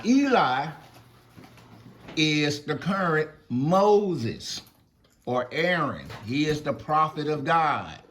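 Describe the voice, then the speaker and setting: A man casually retelling a Bible story to his children, lively and slangy, acting out the dialogue. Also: medium pitch, a little hiss or hum. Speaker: father telling a Bible story.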